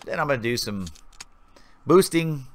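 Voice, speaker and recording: A man's voice: medium pitch, lively intonation, moderate pace, slight background noise. A man casually talking viewers through his gameplay footage in a rambling, chatty play-by-play. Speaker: gaming channel host. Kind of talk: casual gameplay commentary voice-over.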